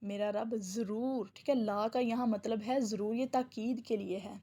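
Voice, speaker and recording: Female tajweed teacher, mellow tone, patient explainer, models pronunciation slowly, frequent check-ins. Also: on the high side, fairly even intonation. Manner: says "ٹھیک ہے" often as a check-in; chants Quranic verses slowly in a drawn-out recitation. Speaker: Quran recitation teacher. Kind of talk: tajweed lesson.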